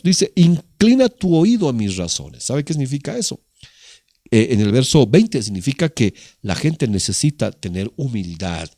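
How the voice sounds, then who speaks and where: A man's voice: mid-range voice, mellow, no echo, studio quality. A male pastor preaching a sermon, asking rhetorical questions and acting out little quoted scenes.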